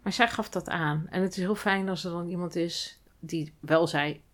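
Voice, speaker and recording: A woman with a fairly low voice speaks alone on her podcast, unhurried and reflective. She explains things carefully and calmly, as if sharing what she has learned. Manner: calm, explanatory, thoughtful. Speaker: podcast host and hospital clown. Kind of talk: reflective solo podcast monologue.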